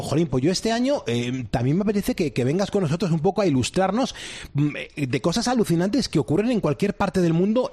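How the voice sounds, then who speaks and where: A man from hosting a late-night radio show, lively and quick to laugh. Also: a little high, slightly rough. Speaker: radio host.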